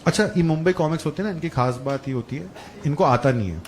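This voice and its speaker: A man's voice: on the high side, quick pace. A young man performing a stand-up comedy set on a club stage, telling stories in a chatty, crude style. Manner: conversational storytelling, crude punchlines. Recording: loud crowd laughter and room noise. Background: audience laughing.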